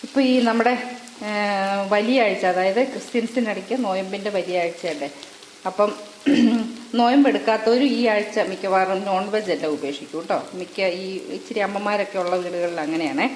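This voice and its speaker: A chatty woman talks her viewers through a home recipe in an easy, conversational way, often tagging a little question onto her sentences. Her pitch sits in a middle range. Faint background noise stays under her voice. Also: moderate pace, darkish tone, reverberant. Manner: chatty, adds a tag to most sentences. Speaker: cooking vlogger. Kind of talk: casual cooking chat.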